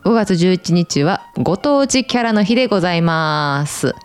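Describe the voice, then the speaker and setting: Lively woman host with an Osaka-area Kansai accent. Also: fairly low pitch, normal speed, clean tone, faint music behind. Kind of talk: casual chat with announced segments.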